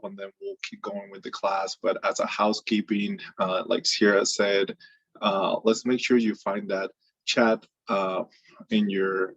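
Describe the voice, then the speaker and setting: A man's voice: lowish voice, slightly rough, dry recording. A man, giving a friendly, upbeat webinar presentation and often restarting and repeating his words. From Venezuela. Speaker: webinar presenter, microloan director. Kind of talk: casual online webinar presentation. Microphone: video call mic. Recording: dull, lo-fi video call audio.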